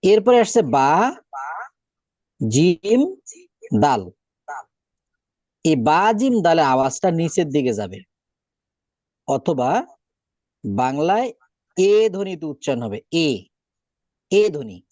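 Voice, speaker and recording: Slow, lively-pitched teacher, dry sound. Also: male voice, no room sound. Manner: drills letters slowly, checks understanding. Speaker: Quran reading teacher. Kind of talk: slow classroom recitation lesson.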